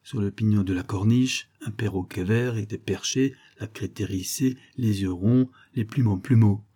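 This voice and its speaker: A man reading a classic crime novel as an audiobook narrator, in a measured, phrase-by-phrase delivery. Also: lowish voice, dark tone, slightly rough. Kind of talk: scripted literary narration.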